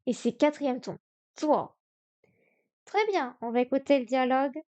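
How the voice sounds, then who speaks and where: A woman streaming herself studying Chinese, sounding out words slowly and correcting herself aloud. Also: high voice, animated, darkish tone, muffled recording. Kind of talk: live-stream study session.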